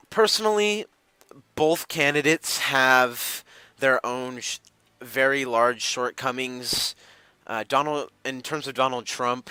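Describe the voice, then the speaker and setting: Bright, rambling young man. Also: medium pitch, clean tone, dry recording, rough recording. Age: young adult. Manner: rambling, many fillers and restarts. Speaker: gamer. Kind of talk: casual gameplay commentary.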